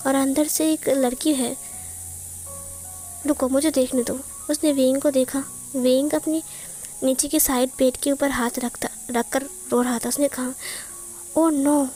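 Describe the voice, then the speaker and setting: A woman narrating a romance fan story and reading every character's lines herself in a plain, even way. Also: high-pitched. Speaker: fanfiction narrator. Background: soft background music.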